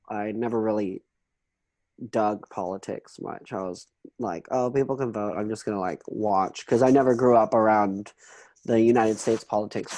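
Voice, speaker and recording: A man's voice: fairly low pitch, darkish tone, no room sound, rough recording. A young man from Hong Kong, a photographer, answering interview questions in a loose, rambling way with many ums.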